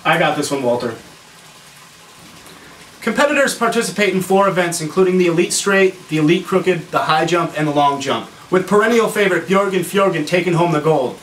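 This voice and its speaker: A roomy recording, a little off-mic, of a man playing an oddball parody sports co-anchor. His voice sits fairly high and he stays earnest and deadpan. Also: brisk. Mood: earnest, knowledgeable. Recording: echoey, distant mic, faint noise.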